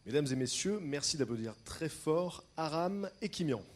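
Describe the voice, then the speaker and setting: A man's voice: on the high side, lively intonation, normal speed, background noise. A man hosting an event and introducing the next guest, hesitant with fillers. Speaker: event host. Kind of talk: introducing a speaker on stage.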